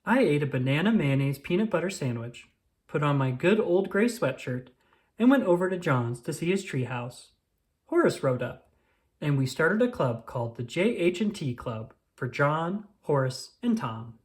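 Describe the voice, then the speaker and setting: The voice here, pitched in the middle, narrates a children's book as a first-person child. Lively, highly animated inflection marks the reading, and certain key phrases are lingered on deliberately.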